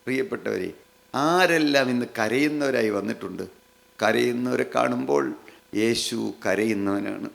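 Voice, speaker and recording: A man preaching a sermon, repeating phrases emphatically, slowing down on key lines and putting questions straight to his listeners. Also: mid-range voice, gravelly. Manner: repetitive, emphatic phrasing with slowed, drawn-out lines; addresses listeners directly with questions.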